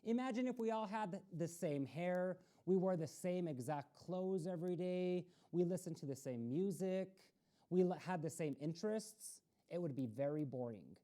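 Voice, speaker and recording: On a community access TV storytime, a woman with a fairly low, warm, expressive voice reads a picture book aloud to children at a moderate pace. Speaking straight to the kids from the studio, she keeps encouraging them.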